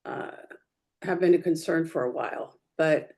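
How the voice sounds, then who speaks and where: A woman giving a neighborhood committee report at a public meeting, her voice clipping and distorted on a remote call microphone, delivered in a steady, matter-of-fact way. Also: low-pitched, normal speed, creaky.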